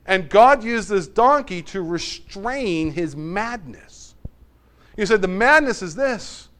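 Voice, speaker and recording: A man preaching a sermon, retelling a story and acting out the characters' lines, swinging between loud and quiet. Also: high-pitched, expressive, slow pace.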